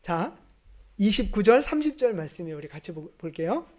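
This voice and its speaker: A woman pastor preaches to her congregation. Her pitch rises and falls in a lively way, and she often puts questions to the listeners. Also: normal speed. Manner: lively, talks to the congregation with questions and acted quotes. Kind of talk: sermon. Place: church sanctuary.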